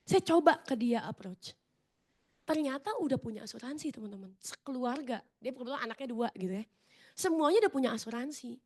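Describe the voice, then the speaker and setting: Chatty high-voiced woman. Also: expressive, a little fast, a little mellow. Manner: chatty, addresses audience often. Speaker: speaker sharing her sales story. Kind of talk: motivational storytelling talk.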